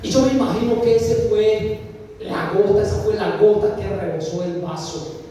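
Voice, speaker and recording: A man's voice: high voice, fairly even intonation, normal speed, mellow. A man from Colombia preaching a sermon to his congregation, addressing them directly with frequent hesitations and repeated phrases. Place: church. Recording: echoey church hall, distant mic, faint noise.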